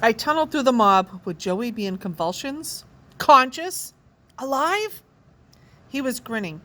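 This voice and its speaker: A woman reads a children's novel aloud, her voice sitting a touch high. Her storytelling is expressive and animated, leaning into the drama of each line. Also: measured pace. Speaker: children's book reader.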